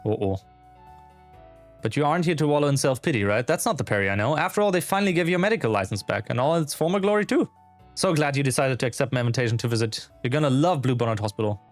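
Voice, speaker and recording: A man's voice: medium pitch, animated, quick pace, no room sound, close to an everyday voice. Guy doing a bubbly young tech buddy from a video game, chatty and reassuring, music under it. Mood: reassuring, upbeat. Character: upbeat, chatty young cybernetics technician, loyal best friend.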